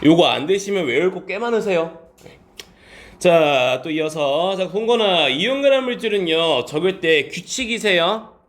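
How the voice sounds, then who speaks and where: A male science teacher giving a classroom lecture, calling on students by name and answering his own quick questions in polite speech mixed with casual talk. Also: high voice, lively intonation, a bit bright.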